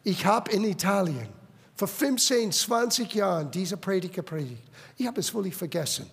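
High gravelly-voiced preacher man. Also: lively intonation, normal speed, in a large hall. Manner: emphatic, mixes English words into German. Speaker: pastor. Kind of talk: sermon. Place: church sanctuary.

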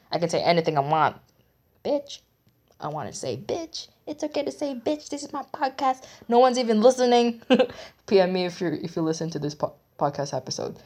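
A young woman talks alone into her podcast mic, low in pitch and candid. She rambles and teases herself as she goes. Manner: candid, rambling and self-mocking. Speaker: podcast host. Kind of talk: solo podcast monologue.

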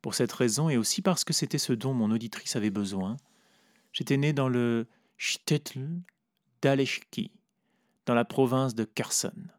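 A man narrating a literary story in a measured, reflective way. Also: medium pitch, no room sound, studio quality.

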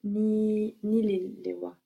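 Female student, hesitant, slow delivery, airy voice. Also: medium pitch, level tone, creaky, breathy edge, phone-quality sound. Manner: slow and tentative, sounding out words. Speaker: language student. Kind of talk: answering in a language lesson.

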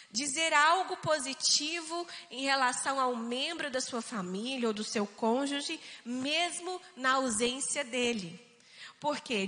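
A woman co-hosting a casual faith-based family talk, animated and acting out family members' voices. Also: high voice, in a large hall. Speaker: co-host of a family talk show.

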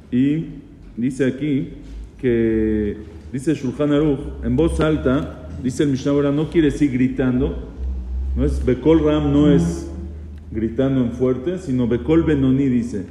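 A man's voice: mid-range voice, mellow. A man, a rabbi teaching a class on religious law. He quizzes his students and repeats key phrases, mixing Hebrew terms into his speech. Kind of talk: Torah law lesson to students. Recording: echoey hall with long reverb, faint noise.

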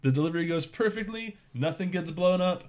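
A man's voice: sits high, lively intonation, a little fast, darkish tone, voice pushed up. A burly alien huckster in a cheap, greasy suit, all smiles and upbeat sales patter, as a man puts him on. His voice sits a bit above a man's usual talk and bounces with salesy cheer.

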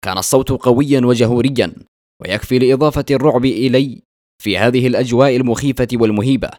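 A man tells a dramatic story in a grave, measured way. His voice is mid-pitched. The recording is dry and close, with no room echo. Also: a little mellow. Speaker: narrator.

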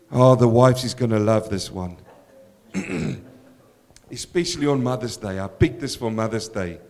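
A man with a croaky voice preaching a sermon as a pastor, putting direct questions and appeals to his listeners. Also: medium pitch.

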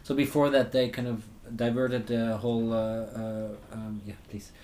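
Halting, joking male podcast host. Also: mid-range voice, fairly even intonation, darkish tone, a little hiss or hum. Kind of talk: casual chat.

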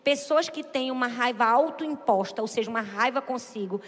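A woman preaching a lively sermon, often asking her listeners to agree and acting out what people say. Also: on the high side, normal speed, long reverb tail. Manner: lively, asks the audience "é verdade ou não é?"; acts out quoted people in a raised voice.

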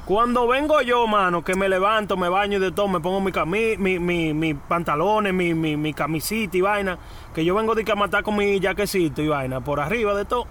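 A man with a Dominican accent chatting casually and telling stories in animated street slang. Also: high-pitched, a little fast, slight background noise. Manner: animated slangy, repeats "hermano" and "loco". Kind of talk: casual group chat, storytelling.

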